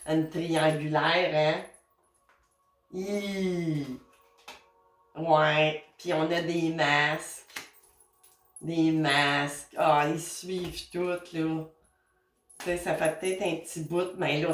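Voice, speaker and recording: Québécois woman, unhurried chatty card reader, a bit low, roomy distant recording. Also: a little hiss or hum. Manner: chatty and meandering, many fillers and asides to her spirit guides. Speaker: tarot and oracle card reader. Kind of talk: casual spiritual card reading.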